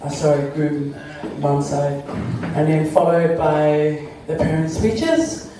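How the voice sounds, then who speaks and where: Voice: medium pitch, takes it slowly, dark tone. A master of ceremonies casually announcing the order of speeches at a wedding, correcting themselves as they go. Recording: echoey hall, distant mic.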